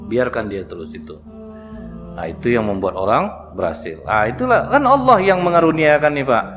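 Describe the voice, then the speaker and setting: A man preaching in a lively storytelling way, joking and turning to the listeners often. His voice sits at an ordinary pitch. Faint music plays behind him. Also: normal speed. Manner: storytelling, humorous, addresses audience directly. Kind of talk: sermon.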